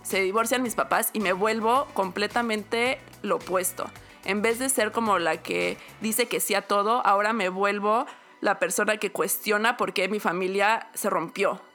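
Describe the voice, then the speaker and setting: In this casual podcast chat, a young woman from Mexico relates a personal anecdote in a medium-pitched voice at a steady, moderate pace. She has a Mexican Spanish accent, delivers the story animatedly with acted-out quotes, and faint music runs behind her.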